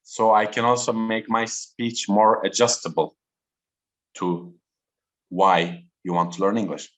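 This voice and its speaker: A man in his thirties from Turkey, a native Turkish speaker giving an online talk to students slowly and deliberately over a video call. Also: on the low side, level tone. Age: 30s. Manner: slow, deliberate and interactive.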